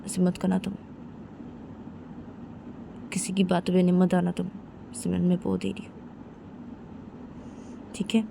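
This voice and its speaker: A woman's voice: lowish voice, completely flat delivery, a little slow, gravelly, long pauses, mellow, a little hiss or hum. A woman voicing a young woman who speaks in repetitive, coaxing phrases. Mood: soothing. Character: young woman Sunaina, hurt then reassuring.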